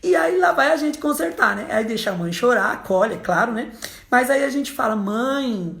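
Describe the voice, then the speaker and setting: A Brazilian psychologist explains things casually to viewers, telling stories with energy and acting out the people she quotes. Her medium-pitched voice is gravelly, and the sound is roomy.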